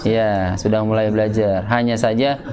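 A man's voice: fairly low pitch, steady tone, moderate pace, a crowd in the background. Patient man teaching recitation. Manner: patient, demonstrates letter sounds by repeating syllables. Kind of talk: tajwid lesson at a home study circle. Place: home gathering room.

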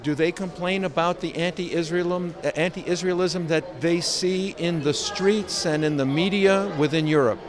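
Halting man interviewing, crowd behind. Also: on the high side. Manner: halting, repeats words, many fillers. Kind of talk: event interview. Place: crowded indoor event.

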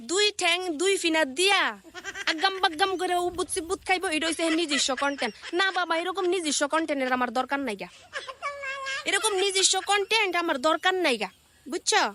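A woman speaking colloquial Bangladeshi Bengali, a content creator, delivers a sarcastic rant for a scolding reaction video recorded on her phone. Her extremely high voice is sharp and fairly quick, with a little hiss or hum audible.

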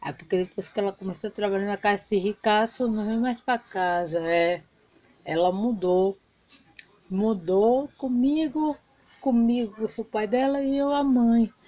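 A woman's voice: medium pitch, normal speed, warm tone, highs cut off. A woman playing every part in a home doll soap opera, switching between character voices. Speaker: doll play narrator voicing all characters.

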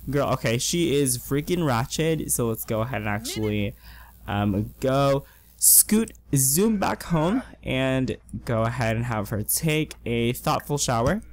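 A hoarse young man chatting excitedly through casual gameplay commentary as a let's play host. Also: mid-range voice, unhurried. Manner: chatty and excitable, gushing with slang. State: hoarse, losing his voice.

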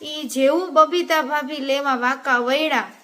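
A woman's voice: high voice, steady tone, a little slow, pushed and bright. A woman from Gujarat, telling cheeky jokes in a chatty, teasing monologue and talking straight to viewers. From Gujarat, India. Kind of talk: casual joke-telling monologue.

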